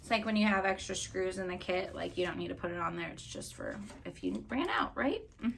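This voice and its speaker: A woman's voice: lowish voice, sing-song, fairly quick, vocal fry, slight background noise. A woman in her late twenties, chatting casually and playfully, rambling while she makes crafts. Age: late 20s. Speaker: craft vlogger.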